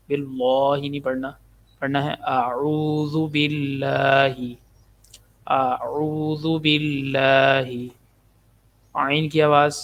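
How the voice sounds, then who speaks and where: A man teaching Quranic pronunciation, explaining quickly and then reciting each phrase very slowly and deliberately. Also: mid-range voice, fairly bright tone. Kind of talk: pronunciation lesson with slow recitation.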